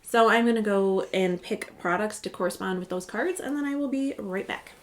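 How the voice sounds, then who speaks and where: A woman's voice: mid-range voice, normal speed. A woman beauty vlogger casually walking through her chosen products, chatty and often correcting herself mid-sentence. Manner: chatty, self-correcting, rambling asides.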